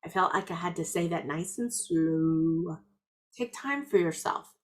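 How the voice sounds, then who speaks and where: A middle-aged woman business coach giving an earnest, encouraging motivational talk, with warm asides. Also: on the low side, measured pace.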